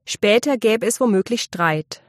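A woman's voice: medium pitch, expressive, measured pace, no room sound, natural voice. A bossy, self-assured eldest brother, voiced by a woman reading a storybook, firm and matter-of-fact in every sentence. The read is dry and close, with a mid-range voice.

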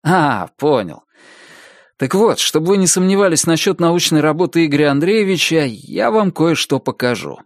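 A man voicing a calm, evasive policeman. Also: on the high side, no room sound, studio quality, pitched above the performer's own voice. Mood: measured. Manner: measured, evasive. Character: calm male police officer, noncommittal. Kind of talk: audiobook character voice.

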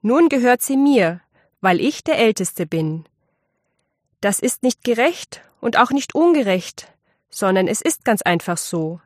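A woman's voice: on the high side, sing-song, unhurried, no room sound, clean studio sound. A woman reading aloud and voicing the eldest son of a miller, a self-assured young man who speaks firmly and matter-of-factly. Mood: stern. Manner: firm and matter-of-fact.

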